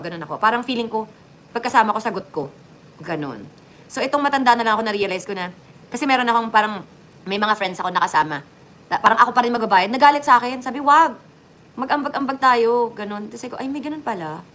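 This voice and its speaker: A woman chatting casually to her viewers as a vlogger, joking and swinging her voice up and down. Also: a little hiss or hum. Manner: chatty, lively swings in pitch and loudness, joking asides.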